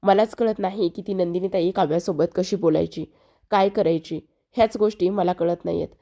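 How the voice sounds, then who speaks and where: A woman's voice: on the low side, fairly even intonation, a little fast, warm tone, natural voice. A woman reading the lines of a hurt, bitter older sister who speaks coldly. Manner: cold, bitter.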